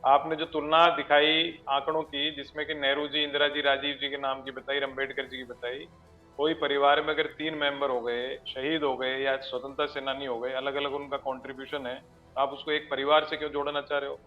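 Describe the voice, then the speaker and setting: A man making measured, rhetorical points as a panelist in a TV debate. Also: mid-range voice, little pitch movement, dull audio, soft background music. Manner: measured, rhetorical, formal address. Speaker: political panelist. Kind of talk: TV debate argument.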